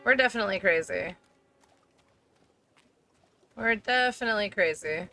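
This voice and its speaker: A woman's voice: mid-range voice, lively intonation, moderate pace, pushed and bright, soft background music. A woman giving casual, exasperated and sarcastic commentary while she plays through a game. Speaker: gaming video host.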